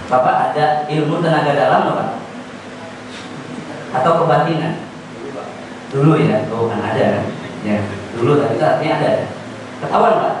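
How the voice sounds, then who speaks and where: A man's voice: fairly high pitch, normal speed, pauses often. Distant, echoing male trainer. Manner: questioning, conversational. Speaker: religious trainer. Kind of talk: training demonstration. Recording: echoey, distant, noisy hall.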